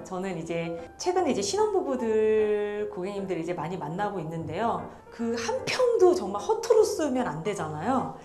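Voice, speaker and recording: A woman's voice: mid-range voice, a little mellow, roomy sound. A woman interior designer presenting a home tour, chatty and playful, talking straight to viewers.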